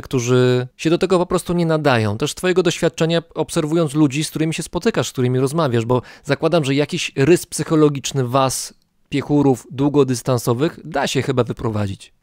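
A man's voice: mid-range voice, a little mellow, dry recording, clean studio sound. Curious man asking long questions. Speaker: podcast host. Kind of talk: interview questions.

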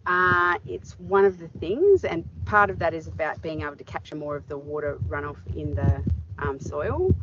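A woman's voice: deep voice, moderate pace. A middle-aged woman farmer answering interview questions outdoors in a paddock, thoughtful and full of fillers. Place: open farm paddock outdoors. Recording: dull audio with clear background noise.

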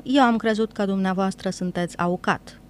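A woman's voice: mid-range voice, slight background noise, natural voice. A woman voicing an angry young foreign boatman who speaks in broken grammar. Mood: puzzled. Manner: broken grammar, hot-tempered.

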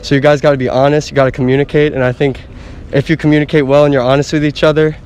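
A man's voice: a little high, level tone, racing, darkish tone. A young man answering a street interview outdoors on campus, explaining his view in long, articulate sentences.

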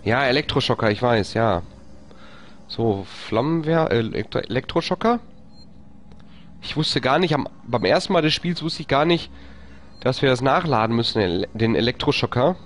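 An expressive man speaks at a moderate pace over a little hiss or hum, giving live let's play commentary on a horror game he is streaming. He chats with viewers, whispers while sneaking, and screams high-pitched panicked swearing when attacked.

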